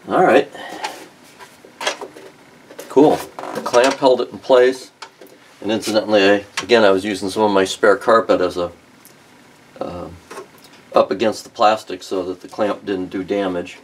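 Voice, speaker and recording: At the workbench in his home workshop, a middle-aged car restoration vlogger talks through a repair, thinking aloud with many ums and restarts. His voice is on the low side and fairly even, a little slow with long pauses, over background noise.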